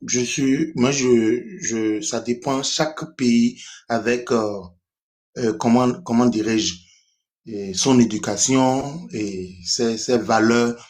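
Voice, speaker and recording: A man's voice: medium pitch, fairly even intonation, slow pace, a little mellow. A young man from Benin with a Beninese French accent, speaking as a caller on a live stream, hesitant with many restarts. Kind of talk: casual call-in talk.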